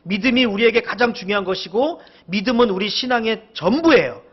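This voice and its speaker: High-voiced man preaching with emphatic force. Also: lively intonation, brisk, slightly rough, muffled recording. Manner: emphatic, acts out stern rebukes and asks the congregation questions. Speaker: pastor. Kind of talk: sermon.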